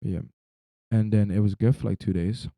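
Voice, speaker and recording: Low, dark-voiced, sleep-deprived young man rambling. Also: fairly even intonation, moderate pace, vocal fry, dry recording, studio quality. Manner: slangy, swearing, informal. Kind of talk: casual rambling personal storytelling.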